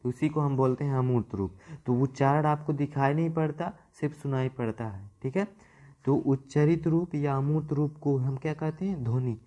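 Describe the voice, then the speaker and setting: In a classroom lecture on Hindi grammar, a man speaks at a moderate pace with a warm, medium-pitched voice. He goes over key terms repeatedly, draws words out to stress them, and poses questions only to answer them himself.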